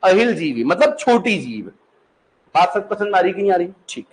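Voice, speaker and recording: A man lectures his classroom in a Pahari-influenced Hindi accent, his high voice swinging widely in pitch at a moderate pace. Chatty and patient, he keeps repeating questions to students and checking they understand; the recording is rough.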